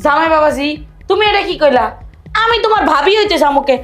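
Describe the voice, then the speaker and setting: A woman doing a shrill older mother-in-law, nagging and scolding, half deaf. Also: lively intonation, fairly quick, fairly bright tone, soft background music. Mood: fussing. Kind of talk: comedy short film acting.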